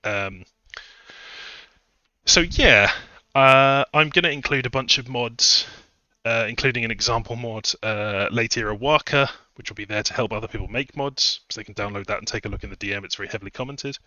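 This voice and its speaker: At a moderate pace, a man with a mid-range, bright and forceful voice rambles casually on a live stream; he's a streamer who mods games. He uses many fillers and restarts and seems a bit breathless. It's a dry recording with dull audio.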